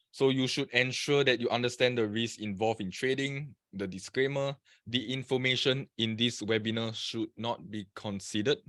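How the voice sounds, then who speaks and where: A man's voice: on the low side, a bit bright, no echo, studio quality. A man from Singapore presenting a live trading webinar, chatting and greeting viewers by name over a computer mic.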